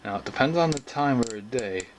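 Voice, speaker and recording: An animated young man speaks a little fast in a medium-pitched voice, chatting to camera about his hobby. This young adult vlogger keeps it rambling, informal and folksy, with clearly noisy background sound.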